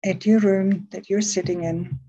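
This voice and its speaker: A woman leading a guided meditation in a soft, breathy, soothing voice, leaving long pauses between short phrases. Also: medium pitch, fairly even intonation, muffled recording.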